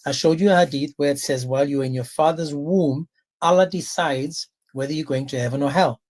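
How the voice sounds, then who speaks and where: A man hosting a live religious debate, insistent and quick to interrupt, calling others bro and my man. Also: on the high side, a little mellow. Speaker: debate host.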